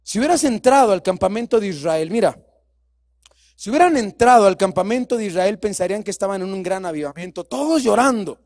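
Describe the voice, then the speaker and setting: A man preaching a sermon, animated and mocking as he acts out churchgoers. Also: high voice, a little fast. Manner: animated, mocking, plays out voices.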